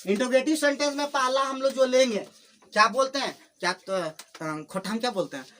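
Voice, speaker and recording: Slow, patient male English teacher. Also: very high-pitched, sharp tone, slight background noise. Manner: slow, repetitive explaining, addresses students fondly. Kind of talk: spoken English lesson taught in Hindi. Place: classroom with students. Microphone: filmed on camera without a microphone.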